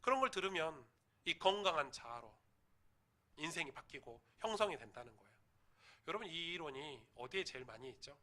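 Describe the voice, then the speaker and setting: A male pastor preaching a storytelling sermon to his congregation, often asking them questions and swelling to loud emphasis. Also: fairly high pitch, very animated, fairly quick. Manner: addresses the congregation directly with questions. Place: church.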